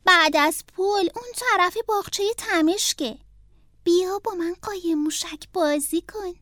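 A woman voicing a playful, sly fox who makes slow, coaxing invitations. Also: very high-pitched, sharp tone, dry recording, studio quality, voice pushed up.

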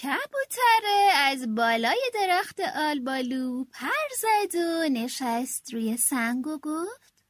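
A woman reading a children's animal story aloud in an animated storyteller manner. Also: high-pitched, no echo, clean studio sound. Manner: animated, does all the animal voices.

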